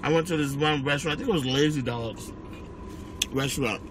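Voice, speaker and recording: A man's voice: medium pitch, fairly quick. American man chatting while chewing, noisy background. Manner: chewing while talking, savouring hums. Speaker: mukbang vlogger. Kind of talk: casual chat to viewers while eating. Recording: clear background noise, car ambience.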